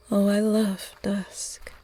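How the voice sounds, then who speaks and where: In an audio roleplay, a woman plays a charming, flirtatious female vampire at a masked ball. She speaks in soft, seductive whispers with a breathy, medium-pitched voice, and the mood is dreamy.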